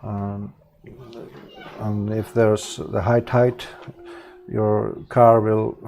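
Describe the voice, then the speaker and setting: An Icelandic man chatting casually on a live stream as he paints, halting and correcting himself often, with frequent small chuckles. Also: fairly low pitch, little pitch movement, creaky, dark tone, slight background noise. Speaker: livestreaming painter.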